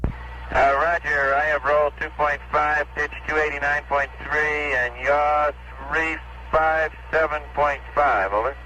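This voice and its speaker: A man's voice: a little high, level tone, a little slow, pushed and bright, lo-fi sound. A man speaking as an astronaut over a crackly space-to-ground radio link, in clipped radio procedure, reading numbers back. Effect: crackly space-to-ground radio transmission, archive recording.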